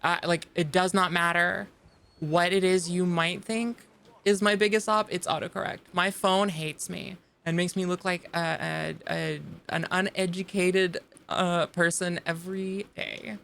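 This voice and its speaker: Chatty low-voiced woman streamer. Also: steady tone, unhurried, vocal fry, fairly bright tone. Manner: chatty and rambling, with many fillers and restarts; talks straight to her live chat. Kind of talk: casual chat while playing a video game.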